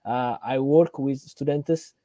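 A young man from Ethiopia, a guest in an interview, telling his story hesitantly with many pauses. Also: medium pitch, warm tone, dry recording. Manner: hesitant, many fillers and restarts. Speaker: fellowship guest, computer engineering lecturer. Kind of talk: casual interview talk.

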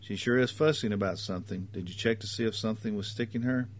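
A man's voice: fairly low pitch, fast talker, close to an everyday voice. A man voicing a patient, worried young father who sounds weary and raises his voice to be heard. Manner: plain, weary, raising voice to be heard.

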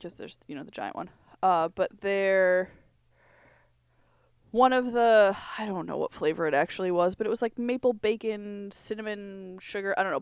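A woman's voice: medium pitch, clear, resonant tone, no echo, clean studio sound. A woman co-hosting a casual podcast, telling anecdotes in an emphatic, conversational way. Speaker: podcast co-host. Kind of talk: casual chat, personal anecdotes.

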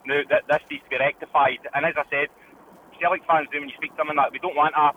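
A man's voice: fairly high pitch, fairly even intonation, fast talker. A Scottish man calling in to a football radio show, opinionated and often saying "do you know what I mean". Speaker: caller. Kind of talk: casual phone-in chat. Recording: tinny phone line with faint noise.

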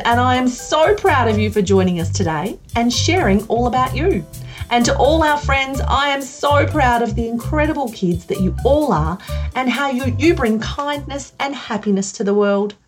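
A woman's voice: fairly high pitch, lively intonation, moderate pace, faint music behind. Singsong woman hosting for children. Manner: broad singsong children's-theatre delivery; gushing, encouraging. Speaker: children's podcast host. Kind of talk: children's show presenting.

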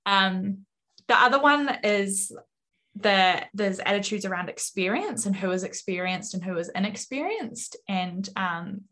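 A young woman, a podcast guest speaking in an articulate, measured way. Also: medium pitch, expressive, pushed and bright. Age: young adult. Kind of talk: casual interview talk.

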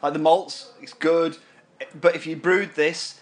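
A man's voice: on the high side, fairly even intonation, a little slow. A man co-hosting a casual beer review chat, easygoing and knowledgeable about brewing and yeast. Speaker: beer podcast co-host.

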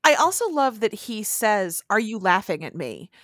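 A woman's voice: medium pitch, very animated, normal speed, fairly bright tone, dry recording, clean studio sound. A woman romance novelist, a guest on a podcast, discussing a film thoughtfully with self-aware asides.

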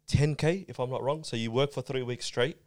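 A man's voice: mid-range voice, brisk, a little mellow. A man chatting casually as a podcast panellist. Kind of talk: casual chat.

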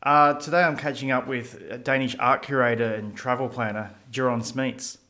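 Podcast host: man, relaxed and chatty, mid-pitched voice. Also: normal speed. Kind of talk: casual interview.

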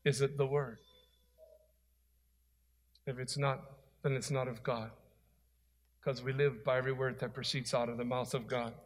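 A man's voice: medium pitch, little pitch movement, moderate pace, pauses often, long reverb tail. A man preaching a sermon as pastor, with an earnest, emphatic delivery.

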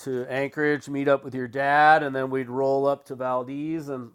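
A man's voice: medium pitch, level tone, moderate pace, clean tone. A middle-aged man, a podcast guest, telling rambling, laid-back stories with fillers and the odd swear word. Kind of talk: casual storytelling.

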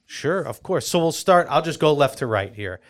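A man hosting a podcast, interviewing guests in a relaxed, joking way. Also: fairly high pitch, normal speed. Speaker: podcast host. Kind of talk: casual interview.

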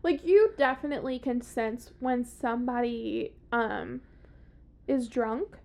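A woman's voice: on the high side, takes it slowly, vocal fry, darkish tone. A woman with a Southern US accent co-hosting a podcast, telling a story casually in a blunt, sweary, sardonic way. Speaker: podcast co-host telling a true-crime story.

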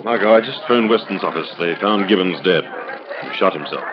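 A composed gentleman sleuth in old radio drama style. His voice is fairly low, urbane and dry, on a muffled, noisy recording. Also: expressive, fairly quick, a crowd in the background. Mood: grave.

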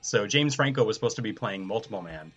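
A man's voice: fairly low pitch, expressive, fast talker, fairly bright tone, husky, dull audio, faint music behind. A man co-hosting a casual podcast chat, talking things through step by step. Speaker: podcast co-host.

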